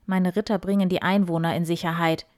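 A woman voicing a grumpy middle-aged count in a children's story, loud and commanding. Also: on the low side, normal speed, no echo, clean studio sound, lightly acted.

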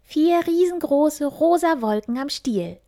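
A woman doing a bright eager little hare. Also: animated, slow. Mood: hopeful. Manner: higher, louder than the narration. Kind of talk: storybook character voice.

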